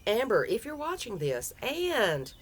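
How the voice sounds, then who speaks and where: A woman's voice: a little high, wildly swooping pitch, measured pace. A woman with a Southern US accent and a folksy drawl, chatting casually as a crochet vlogger. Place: outdoors on a front porch. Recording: outdoor background noise.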